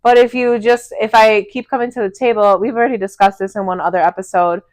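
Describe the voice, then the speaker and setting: A woman's voice: medium pitch, steady tone, fast, no room sound. A woman co-hosting a casual podcast chat, talking bluntly about work and swearing freely. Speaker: podcast co-host.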